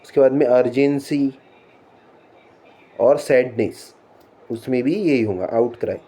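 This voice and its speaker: मराठी लहजे वाला एक आदमी अंग्रेज़ी व्याकरण की कक्षा पढ़ाता है, अंग्रेज़ी नियम धीरे-धीरे पढ़ता है और फिर हिंदी में सवाल पूछकर समझाता है।. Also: male voice, medium pitch, dark tone. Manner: reads English rules slowly, then explains in Hindi with rhetorical questions. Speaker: English teacher. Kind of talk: classroom lesson explaining punctuation.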